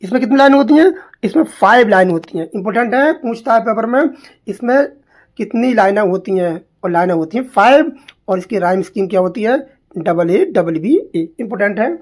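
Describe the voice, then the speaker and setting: Male teacher, high voice, exam-prep lecture, repetitive quizzing delivery. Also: animated, fairly quick. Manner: repeats points and quizzes the listener with questions; mixes English terms into Hindi explanation. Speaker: English literature teacher.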